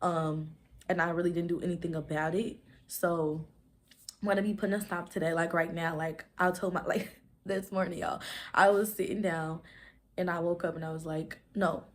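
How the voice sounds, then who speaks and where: Woman in her twenties, slightly low voice, casual vlogger who talks fast and rambles with lots of fillers. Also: level tone. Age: 20s. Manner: fast rambling talk, stumbles over words; many "like" fillers. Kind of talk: casual chat to camera.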